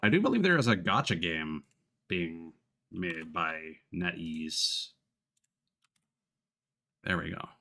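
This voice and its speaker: This man has a low, gravelly voice with lively intonation, a slow pace, long pauses and a sharp edge. He's a let's-play streamer at his computer indoors, chatting casually with viewers as he sets up a game stream, thinking aloud in gamer slang with some swearing into a close desk mic.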